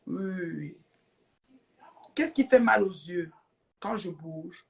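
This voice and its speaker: A chatty woman talks casually on a live stream, greeting and thanking her viewers between bursts of laughter. She speaks straight into a phone or webcam, with a relaxed, conversational flow. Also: on the low side, slow, creaky.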